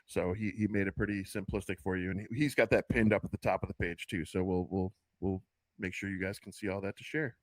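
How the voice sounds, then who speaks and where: A man's voice: deep voice, steady tone, fairly quick, no room sound. A man co-hosting a casual movie podcast, sarcastic and exasperated, swearing freely, on a close, dry mic. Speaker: podcast co-host.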